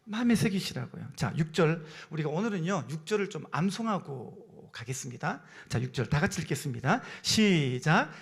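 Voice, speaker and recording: A man's voice: a little high, big pitch swings, normal speed, gravelly, few pauses, breathy edge. A man preaching a sermon as pastor in a church, emphatic and calling out to the congregation for responses. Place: church sanctuary.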